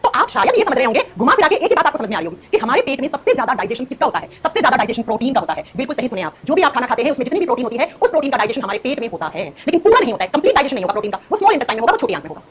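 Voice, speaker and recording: A woman's voice: high voice, sing-song, rapid-fire, hardly any pauses, slight background noise. A woman teaching an exam-prep science lesson, firing questions at her students and answering them herself. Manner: calls listeners beta and bachche.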